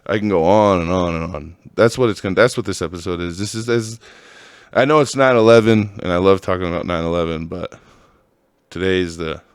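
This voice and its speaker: A man's voice: deep voice, no echo, clean studio sound. A man from the Bay Area hosting his own podcast, ranting with heavy profanity and exasperation. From California, Bay Area. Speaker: podcast host. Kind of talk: solo podcast rant.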